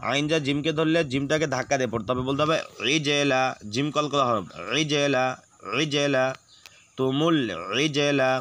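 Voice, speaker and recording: A man teaching Quran recitation, explaining rules quickly and then reciting words slowly and drawn out. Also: fairly high pitch, fairly even intonation, a bit bright. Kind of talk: spelling-out recitation lesson.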